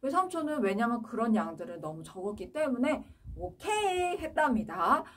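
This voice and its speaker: A woman preaching to children, telling a Bible story in a simple, animated way. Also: a little high, fairly quick, slightly rough, distant mic. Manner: animated, explaining simply to kids. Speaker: children's Sunday school teacher.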